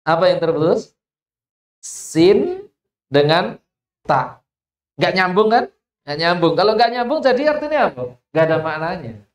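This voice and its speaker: Slow Javanese-accented Quran teacher, echoey room. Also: medium pitch, sing-song. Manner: asks the listeners questions and answers them, stretches out example verses. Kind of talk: Quran recitation lesson.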